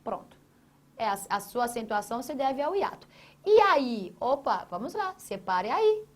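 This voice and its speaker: A woman's voice: fairly high pitch, sing-song. A woman teaching an exam-prep grammar lesson. She asks questions and answers them herself, and stretches out syllables as she writes. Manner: drawn-out syllables while writing on a board.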